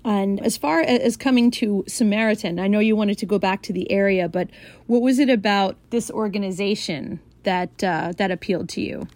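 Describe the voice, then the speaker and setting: A woman's voice: medium pitch, darkish tone, dry recording. A woman interviewing an executive, affirming his answers and moving the conversation along in a friendly way. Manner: affirming, with quick verbal nods.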